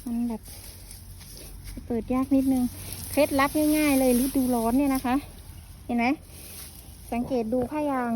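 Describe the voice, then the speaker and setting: A woman's voice: high voice, steady tone, normal speed, pauses often, darkish tone, a little hiss or hum. A woman mushroom farmer chatting casually in a vlog, explaining tips and exclaiming over her harvest outdoors in the hot sun. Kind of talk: casual farm vlog talk.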